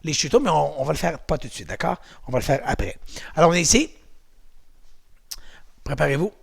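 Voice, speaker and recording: A man's voice: a little high, animated, fairly quick, gravelly, slightly rough. A man with a Québécois accent, leading a home exercise and martial arts class in a chatty, encouraging, playful way. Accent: Québécois French.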